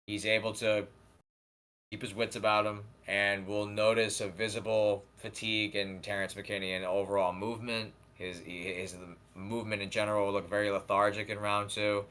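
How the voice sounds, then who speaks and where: A man in casual chat calmly laying out a fight prediction step by step. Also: on the low side, moderate pace.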